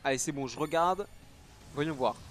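A man recording a gaming reaction video, exclaiming loudly, swearing often and repeating his exclamations. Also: fairly high pitch, normal speed, slight background noise. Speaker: gaming YouTuber. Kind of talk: excited reaction video commentary.

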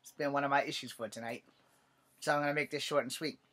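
Close to turning fifty, this 40-something vlogger rattles off a casual webcam monologue from his cluttered bedroom, sarcastic and wry, with occasional swearing. He talks fast in a medium-pitched, steady, pushed and bright voice, captured by a webcam at desk distance.

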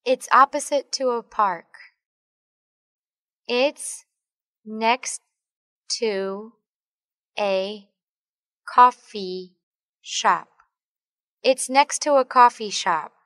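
A woman slowly reading English phrases for learners, one word at a time and then the full sentence, as a studio voice-over. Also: a little high, fairly bright tone, no room sound. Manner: reads each word separately, then the whole sentence. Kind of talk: slow word-by-word language drill.

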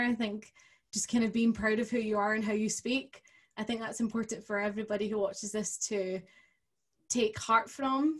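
A woman in her twenties with a Scottish accent, casually hosting a conversational interview into a studio mic. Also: on the high side. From Scotland. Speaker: interviewer and host. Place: small home studio room. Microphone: microphone on boom arm, close.

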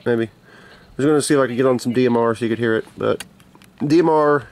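Casual man, mid-pitched, offhand delivery. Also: quick pace, a little mellow. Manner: informal, unscripted, offhand. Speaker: hobbyist video maker. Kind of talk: casual product show-and-tell. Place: small bedroom, indoors.

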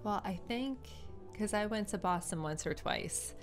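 A woman co-hosts a casual live-streamed art show in a mid-pitched voice. She sounds upbeat and agreeable and laughs easily. Faint music plays in the background. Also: animated, measured pace. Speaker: co-host.

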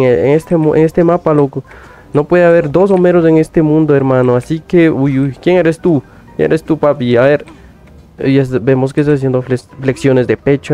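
A young man giving excited gameplay commentary, yelping and jumping high in pitch whenever something startles him. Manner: excitable, yelps "uy" constantly, laughs often, voice jumps high when startled. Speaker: gaming youtuber.

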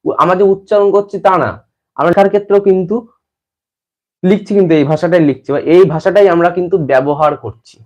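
A man's voice: high-pitched, fairly even intonation, fast, darkish tone, rough recording. A man from West Bengal teaching an exam-prep lesson to students. He often repeats phrases and restarts as he explains.

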